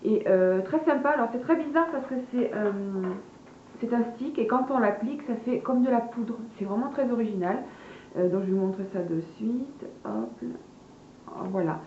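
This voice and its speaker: A woman's voice: on the high side, moderate pace, a little mellow. A woman beauty vlogger chatting casually through a product haul, hesitant with many fillers and addressing her viewers as girls. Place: room at home, party noise from below. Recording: echoey room, dull lo-fi sound, faint party noise.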